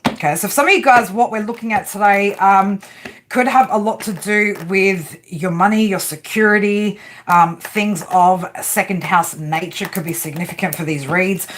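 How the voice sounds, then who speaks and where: An Australian tarot reader chats playfully on a live stream, answering viewers and reading their comments aloud in a slangy, casual way. Her medium-pitched voice is fairly bright, with fairly even intonation and a moderate pace, over slight background noise.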